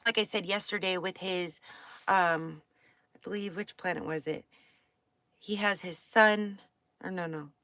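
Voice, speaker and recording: Woman, Pacific Northwest accent, lowish voice, bright and forward tone, rambling astrology lesson. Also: steady tone, measured pace, long pauses, no echo. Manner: meandering, self-correcting, with many fillers. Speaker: astrology teacher. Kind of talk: casual lecture reading from a book.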